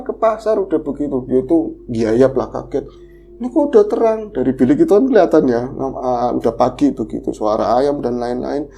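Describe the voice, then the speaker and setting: A man telling a horror story in a casual, animated chat. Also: on the high side, gravelly. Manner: animated, acts out the voices of characters. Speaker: podcast storyteller.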